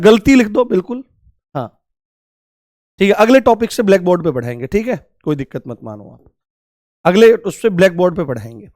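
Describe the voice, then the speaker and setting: A man with a fairly high voice runs a live online grammar class. He repeats each key word and keeps asking his students to call out examples. The sound is close and dry, with no room echo. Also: a little mellow. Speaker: Hindi grammar teacher.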